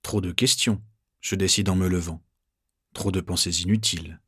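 A man reading a first-person story aloud in a measured, tense narrating voice. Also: deep voice, fairly even intonation, pushed and bright, slightly rough.

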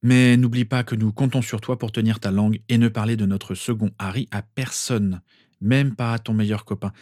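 Man doing fatherly, amused, protective dad, low voice, dry close sound. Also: fairly even intonation, normal speed, darkish tone, no echo, natural voice.

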